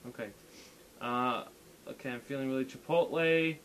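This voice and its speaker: A man's voice: medium pitch, normal speed, fairly bright tone, slight background noise, poor audio. A young man hosting a casual podcast, rambling, stammering and reading posts aloud. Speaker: podcast host. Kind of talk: casual chat.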